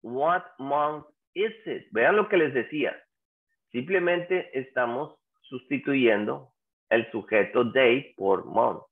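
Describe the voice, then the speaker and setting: A man's voice: mid-range voice, lively intonation, slow, gravelly, narrow, tinny audio. A man teaching a language class who patiently repeats example phrases and keeps asking his students questions. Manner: asks the class questions and prompts them to answer. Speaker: English teacher.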